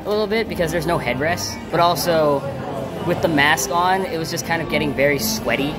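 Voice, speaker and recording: A man chatting casually and in a rambling, conversational way as a theme park vlogger. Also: a little high. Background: loud music.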